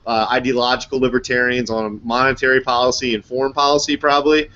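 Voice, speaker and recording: A man co-hosting a podcast interview, speaking haltingly with many fillers and restarts. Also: mid-range voice, little pitch movement, pushed and bright. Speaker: podcast co-host. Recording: dull lo-fi sound.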